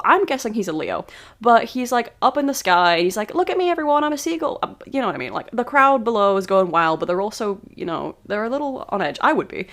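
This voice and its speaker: A woman's voice: medium pitch, fairly bright tone. A woman casually retelling an old myth as a birthday podcast, rambling with giggly asides. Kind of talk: casual storytelling monologue.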